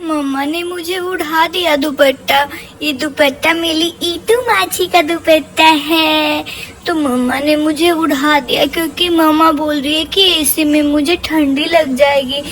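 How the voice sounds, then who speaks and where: Woman doing a high, slow cutesy baby boy. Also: steady tone, fairly bright tone. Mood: playful. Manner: cutesy baby talk with doubled words. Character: playful cheeky baby boy. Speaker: parent vlogger voicing her baby. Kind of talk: baby-voice vlog narration.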